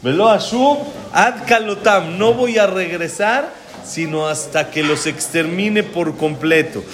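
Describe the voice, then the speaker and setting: A man, giving a religious lecture as a rabbi, who explains verses slowly, translates them and adds touches of humor. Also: high-pitched, a bit bright. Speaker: rabbi teaching a class.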